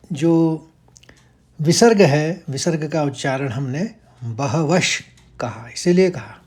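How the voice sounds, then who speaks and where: High-pitched guy w walking thru verse pronunciation real slow, chanting bits. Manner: explains syllable by syllable, chants verses slowly and louder. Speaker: Sanskrit recitation teacher.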